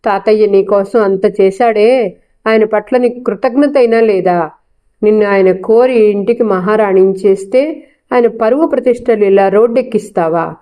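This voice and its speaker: A woman's voice: medium pitch, mellow, close to an everyday voice. A woman voicing a proud, stern young husband who speaks with clipped, restrained anger.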